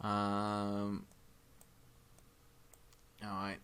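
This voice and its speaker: A man acting as game master, narrating a tabletop game casually in a hesitant, halting way. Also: fairly low pitch, completely flat delivery, a bit bright, clear, resonant tone.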